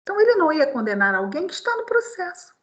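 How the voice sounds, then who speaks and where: A woman's voice: sits high, sing-song, fast, muffled recording. A Brazilian woman giving a spiritist public talk, acting out quoted voices and asking rhetorical questions. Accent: Brazilian Portuguese. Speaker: spiritist lecturer.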